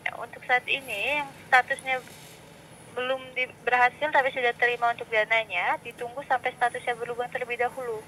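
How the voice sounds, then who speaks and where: A woman's voice: a little high, little pitch movement, fairly quick, pushed and bright. A woman in a polite, formal customer service voice, working through scripted help on a call. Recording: phone call recording with clear background noise.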